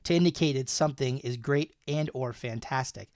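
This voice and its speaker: A man's voice: medium pitch, moderate pace, darkish tone, no room sound, studio quality. A man in his thirties hosting a casual podcast, laughing often as he reads slang definitions with jokey examples. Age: 30s. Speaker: podcast host.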